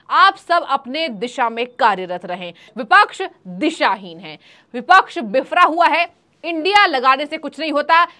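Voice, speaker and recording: A woman anchoring a news show, briskly posing questions to a journalist guest. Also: sits high, bright, forceful tone. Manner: brisk, questioning, brief acknowledgements. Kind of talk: news interview hosting.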